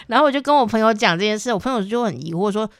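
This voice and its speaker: A woman's voice: on the high side, very fast, dry recording, clean studio sound. A young adult woman with a Taiwanese Mandarin accent, hosting a casual podcast and telling stories animatedly with frequent laughter. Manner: animated storyteller who laughs often. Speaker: podcast host.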